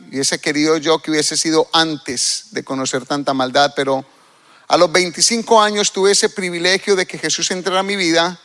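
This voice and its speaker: A man's voice: sits high, pushed and bright. A middle-aged male pastor from Colombia, preaching a sermon and reading scripture aloud with dramatic emphasis while asking his congregation questions. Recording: long hall reverb.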